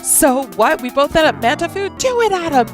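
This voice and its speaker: A woman's voice: high voice, sing-song, moderate pace, faint music behind, voice pushed up. A woman reading game dialogue aloud as an anxious, self-sacrificing young male dolphin, with urgent, dramatic pleading.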